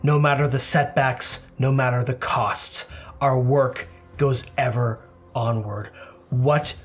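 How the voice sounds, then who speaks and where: A man's voice: mid-range voice, fairly even intonation, slow, soft background music, natural voice. A man voicing an arrogant, coldly grandiose villain doctor in a tabletop game, speaking in formal, declamatory phrases.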